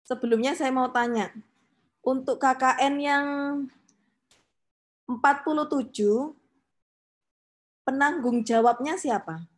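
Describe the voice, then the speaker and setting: A lecturer supervising a student group runs an online meeting informally, directing people and checking in with questions. Her voice is high-pitched, and she takes it slowly with frequent pauses.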